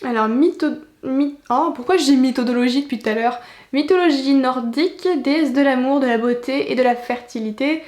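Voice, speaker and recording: A woman's voice: sits high, brisk, a little mellow, reverberant. A woman in her twenties, chatting casually and with enthusiasm while unboxing, with many exclamations. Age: 20s. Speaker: booktuber.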